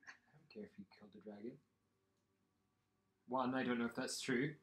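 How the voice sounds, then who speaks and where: A man's voice: mid-range voice, steady tone, fairly quick, roomy sound, natural voice, low-quality recording. A man voicing a haughty, suspicious silver-haired male minister with a dismissive, indignant manner, in a tabletop game.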